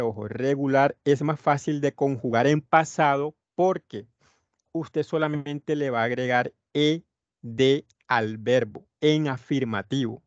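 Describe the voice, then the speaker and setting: A man's voice: medium pitch, dry recording, muffled recording. A man teaching English in an online class, explaining grammar step by step and repeating his points. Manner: explains slowly, repeating points with many "etcétera". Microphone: computer mic on a video call.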